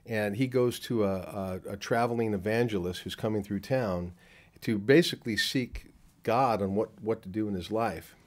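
An older man, a film producer, answering interview questions at a convention with many fillers and restarts, into a handheld mic. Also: on the low side. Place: convention room before a poster wall. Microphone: handheld mic held by the interviewer.

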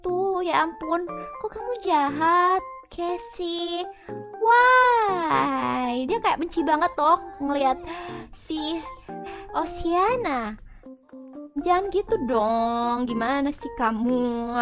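High-voiced chatty woman gamer. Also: slow pace. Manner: chatty, scatters English words through her speech. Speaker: gaming channel host. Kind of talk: casual gameplay commentary. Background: background music.

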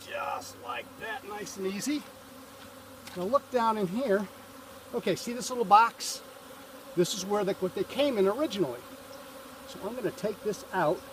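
A man calmly walking through a beehive check step by step, filmed outdoors on a farm from a few feet away. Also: high voice, normal speed, pauses often, background noise. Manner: calm, explains step by step while working. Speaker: hobby beekeeper. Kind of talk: casual how-to narration. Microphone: camera a few feet away, speaker in a bee suit and veil. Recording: distant outdoor camera audio, buzzing bees.

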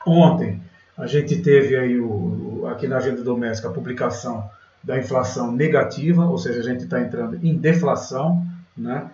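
The host of a Brazilian day trading channel, warm-toned with a mid-range voice at normal speed, narrates market charts on a screen recording. He keeps things chatty and filler-laden, leaning on "galera" and "né"; the audio is roomy, distant and dull from a lo-fi mic.

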